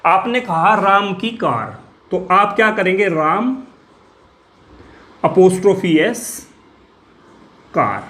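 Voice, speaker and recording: A man's voice: high voice, very animated, takes it slowly, long pauses, bright, forceful tone. Man teaching grammar. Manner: repetitive, quizzing students with questions he answers himself. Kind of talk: classroom grammar lecture.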